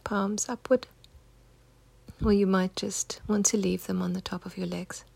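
A woman guides a meditation in a soft, husky voice that is nearly a whisper, her instructions gentle, unhurried and soothing. Her pitch is medium, her tone steady, and there is no echo.

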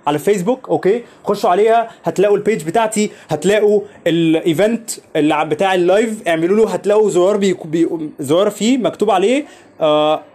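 A man's voice: high-pitched, rapid-fire, a little mellow. A young man with an Egyptian Arabic accent, hosting a motivational podcast in an earnest way and repeating phrases for emphasis. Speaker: podcast host.

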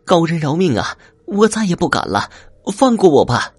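A man voicing a weasel spirit speaking through a possessed woman, crying out in a high, thin voice. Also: big pitch swings, moderate pace, slightly rough, no room sound. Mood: begging. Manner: high, thin pleading cries.

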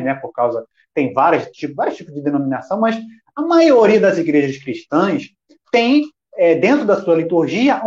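A man's voice: high-pitched, a little mellow, highs cut off. A man teaching worship music on a live stream. He talks straight to his viewers and asks himself questions, then answers them. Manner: talks directly to chat viewers.

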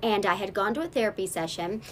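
A woman sharing a heartfelt faith testimony as a guest, halting and restarting as she speaks. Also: medium pitch, lively intonation, a little hiss or hum. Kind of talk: emotional personal testimony.

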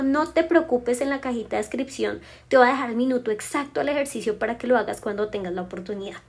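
High-voiced woman coaching her listener. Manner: gentle, coaching, speaks straight to the listener. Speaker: podcast host. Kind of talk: self-help podcast, guiding a written exercise.

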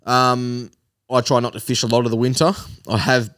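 A man's voice: medium pitch, little pitch movement, normal speed, a bit bright, no echo, studio quality. An Australian man chatting casually in a laid-back, blokey way full of slang. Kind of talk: casual chat.

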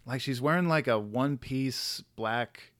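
Man, mid pitch, hesitant, restarting sentences, dry close sound. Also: measured pace, a bit bright, no echo. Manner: hesitant, restarts, many fillers like "you know". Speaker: podcast co-host. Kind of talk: casual chat about comics.

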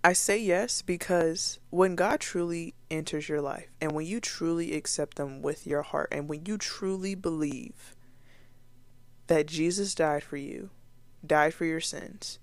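A woman's voice: low voice, a little slow, no room sound. A woman giving a casual Bible teaching to her viewers, earnest and conversational, with fillers and restarts along the way.

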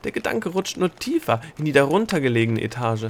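Man voicing an excitable bald gnome. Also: medium pitch, fairly quick, slight background noise. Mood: excited. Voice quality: hoarse laugh. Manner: eager, excited exclamations.

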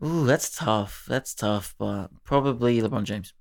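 A man's voice: medium pitch, measured pace, vocal fry. A young man co-hosting a podcast, chatting casually about sport in a slangy, matey, jokey way. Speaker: podcast co-host.

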